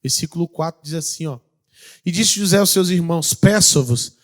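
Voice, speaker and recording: A man with a Brazilian Portuguese accent preaches in a voice on the high side, his intonation fairly even and his pace a little fast. As a pastor, he asks the congregation questions, alternating loud calls with quiet passages.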